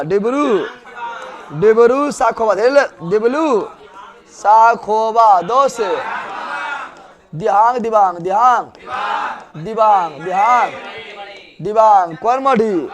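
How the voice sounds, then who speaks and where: A male teacher, drilling memory tricks in a loud call-and-response with a classroom of students. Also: sits high.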